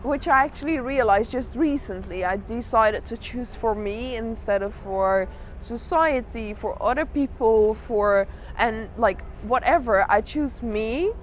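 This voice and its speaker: A woman with a fairly high voice speaks as an interviewed drag artist. She tells her own story reflectively and leans on repeated words for emphasis. Faint city and vehicle noise sits behind her. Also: a little slow. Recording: noisy outdoor urban spot with traffic.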